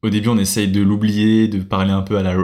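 A man's voice: lowish voice, little pitch movement, fast talker, darkish tone. A young man from France, a podcast guest chatting casually, hesitant with many fillers and restarts. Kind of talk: casual interview chat.

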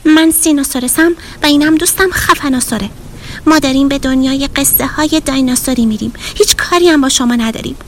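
A squeaky, excitable little boy from a children's storybook, as a woman puts him on, talking fast and breathless as he swings between fright and bravery. His voice sits very high, and a clear hiss of background noise runs under it. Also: lightly acted. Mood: defiant. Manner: high, quick and breathless, fearful then bold.

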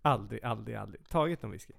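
Gravelly man in rambling casual chat. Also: lowish voice, expressive. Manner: rambling, self-correcting, playful teasing.

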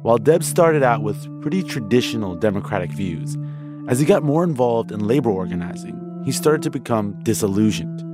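A man's voice: mid-range voice, animated, fairly quick. A man hosting and narrating a documentary in a scripted storytelling style. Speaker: host and narrator. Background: music.

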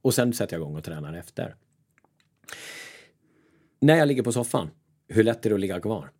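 With a lowish, slightly rough voice, this mental coach offers casual advice, poking fun at himself in a lively manner and performing his inner voices aloud.

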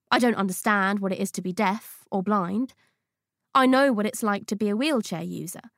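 A woman's voice: medium pitch, vocal fry, no room sound, clean studio sound. A woman reading her essay aloud for an audiobook, in a playful, witty and slangy manner.

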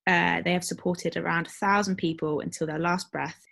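A woman's voice: fairly low pitch, steady tone, fairly quick, creaky, fairly bright tone. A woman co-hosting a podcast in casual chat, reading out a news story with lots of fillers and laughs. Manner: chatty, laughs often, many fillers. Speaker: podcast co-host.

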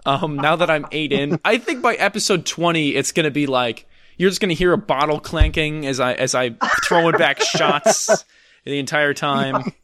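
Sarcastic guy rambling thru a movie recap, high-ish voice, dead dry sound. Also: normal speed, sharp tone, no room sound. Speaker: podcast co-host recapping films. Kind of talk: casual chat.

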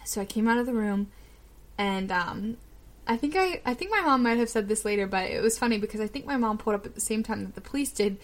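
A woman's voice: on the high side, expressive, fast. A young woman casually recounting a frightening personal experience, chatty, with lots of fillers and restarts. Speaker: storyteller.

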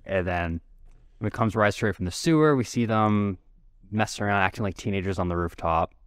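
A man co-hosting a casual podcast, talking quickly and tripping over his words as he rambles. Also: on the low side, clear, resonant tone, dry recording, clean studio sound. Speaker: podcast co-host. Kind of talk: casual chat.

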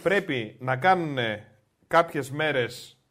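A man co-hosting a casual podcast, chiming in with short, relaxed replies. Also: medium pitch. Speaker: podcast co-host. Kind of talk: casual sports banter.

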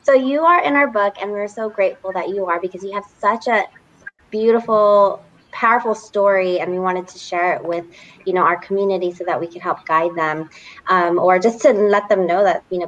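A woman co-hosting an interview, asking gushing, meandering questions. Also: fairly low pitch. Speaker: co-host. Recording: dull lo-fi audio.

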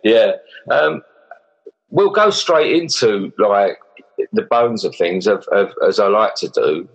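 Husky-voiced male podcast host. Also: lowish voice, expressive, takes it slowly, lo-fi sound. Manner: friendly, rambling, with many fillers and restarts. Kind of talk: casual interview chat.

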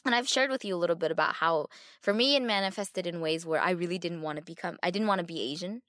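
A woman with a fairly low voice co-hosts a casual podcast, thinking out loud with earnest restarts. Her sound is close and dry, with no room around it. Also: quick pace, no echo. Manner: earnest, reflective, with frequent restarts. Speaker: podcast co-host.

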